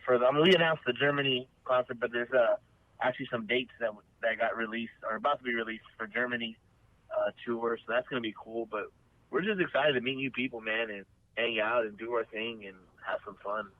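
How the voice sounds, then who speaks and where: A man's voice: medium pitch, steady tone, brisk. A man, a band member guest in a casual interview, talking earnestly and rambling with many restarts. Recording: dry, phone-like remote line.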